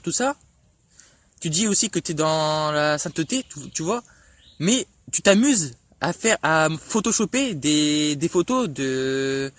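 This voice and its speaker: A man's voice: a little high, a bit bright, no echo. A man preaching in an impassioned online rebuttal, stammering and restarting his words, reproaching a rival directly with repeated questions.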